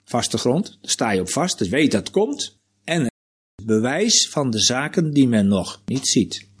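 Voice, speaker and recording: Male Bible study leader: lively, expressive delivery; answers the group's questions patiently. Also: medium pitch, a little slow, breathy edge. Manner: explains scripture verse by verse, checks with "hè?".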